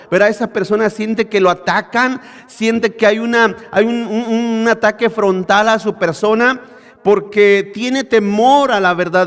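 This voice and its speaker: A man's voice: sits high, fairly bright tone, clean tone. A man preaching a sermon, quizzing his congregation with rhetorical questions. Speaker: pastor. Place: church hall. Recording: echoey church hall.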